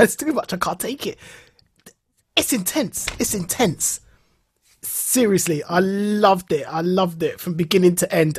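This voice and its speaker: A husky yet high-voiced man, recorded close and dry, co-hosts a podcast. He is an animated storyteller who repeats phrases for emphasis while casually recounting and reviewing a show.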